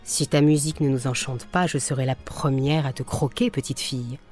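A woman's voice: very deep voice, steady tone, moderate pace, soft background music, voice pushed down. A woman voicing a small, proud and wary she-wolf cub in a storybook reading, growling her threats. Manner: growling threats, later bright and yawning.

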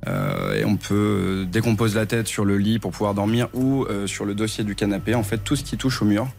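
A man's voice: fairly low pitch, fairly even intonation, fairly quick, gravelly, darkish tone. A man giving a hesitant personal account as a guest on a show. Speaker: guest telling of his own problem.

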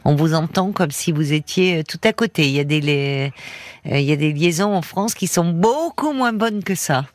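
Radio host lady, calm and encouraging, lots of "oui oui", dry close studio sound. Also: sits low, moderate pace, no echo. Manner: gentle, encouraging, many soft affirmations. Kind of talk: late-night call-in radio.

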